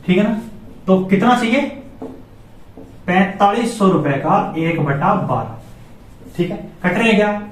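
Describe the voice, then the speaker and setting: Echoey high-voiced man teaching maths. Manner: asks the class questions and answers them himself. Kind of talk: classroom-style maths lesson. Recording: echoey room, voice from far off.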